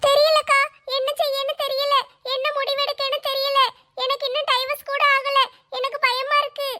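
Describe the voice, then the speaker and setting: Squeaky timid young cartoon woman. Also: flat delivery, normal speed, pushed and bright. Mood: anxious. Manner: hesitant, pleading. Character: shy tearful young woman, unsure and anxious.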